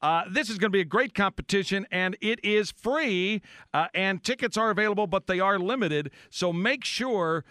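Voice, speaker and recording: Direction Bright, high-pitched male radio host, contest promo delivery. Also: lively intonation, normal speed, no room sound, studio quality. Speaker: morning show host. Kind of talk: upbeat radio show hosting with contest promo.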